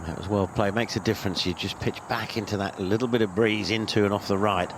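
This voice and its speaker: A man's voice: on the low side, fairly even intonation, fast talker. A man giving live golf commentary in a conversational way. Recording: clear outdoor ambient noise. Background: outdoor ambience.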